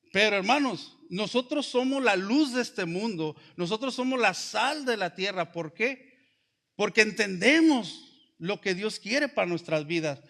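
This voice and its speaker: High, gravelly-voiced man preaching. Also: a bit bright. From Mexico. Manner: conversational preaching with many rhetorical questions and restarts; often addresses listeners as brothers. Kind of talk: sermon.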